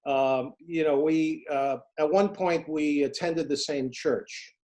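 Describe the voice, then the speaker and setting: Middle-aged guy from the states, kinda high voice, lots of uh and restarts, earnest storytelling. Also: fairly even intonation, a little mellow. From United States. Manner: halting, many fillers and restarts, earnest. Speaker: interview guest, former FBI agent turned private investigator. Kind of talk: casual interview, storytelling.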